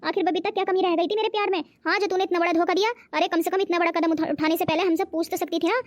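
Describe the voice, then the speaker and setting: A fretful, scolding old mother-in-law in a comic cartoon, voiced by a woman. Her voice sits very high and thin, and she fusses and lectures in quick bursts. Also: steady tone, no echo. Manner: high-pitched, scolding and fussing. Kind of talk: cartoon voice acting.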